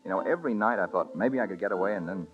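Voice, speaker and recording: A man's voice: on the low side, very fast, close to an everyday voice. An actor playing an eager, boyish young man with breezy slangy talk, in vintage radio drama style, on a dull old broadcast recording with faint music. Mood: wistful. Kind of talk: 1930s radio drama acting.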